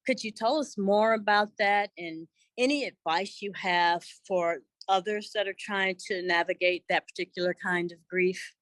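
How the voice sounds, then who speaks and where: A woman co-host asks an interview question in a measured, careful way. Her voice sits at a medium pitch, and the sound is dry and close. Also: a bit bright, no room sound.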